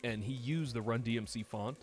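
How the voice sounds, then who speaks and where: A man with a New York accent, hosting a podcast and telling stories in casual chat, animated and swearing freely. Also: mid-range voice, fairly quick, faint music behind. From United States. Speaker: podcast host.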